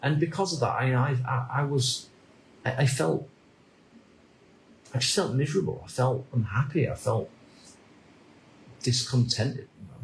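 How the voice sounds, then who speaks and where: A man in his thirties from the United Kingdom, talking through a reflective personal monologue in a halting way, often repeating words and restarting sentences. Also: mid-range voice, gravelly, roomy sound, slight background noise, low-quality recording. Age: 30s. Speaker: vlogger.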